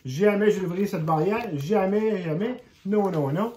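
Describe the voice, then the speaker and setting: A man's voice: moderate pace, lightly acted. An older man voicing a stubborn, cheeky little farm girl in a storybook reading, in a raised girlish voice. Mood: scornful. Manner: high, shouty girlish voice.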